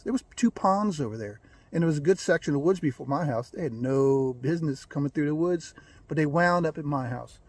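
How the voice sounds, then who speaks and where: A man telling a rambling, folksy story about his birds, clearing his throat now and then. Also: fairly high pitch, a little mellow, no echo. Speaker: gamefowl breeder. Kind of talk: casual storytelling.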